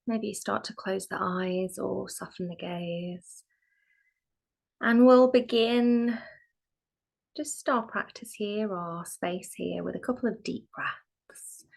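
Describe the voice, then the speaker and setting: A woman guides a yoga nidra relaxation meditation in a gentle, soothing, soft voice that is sometimes breathy. She speaks at medium pitch and leaves long pauses.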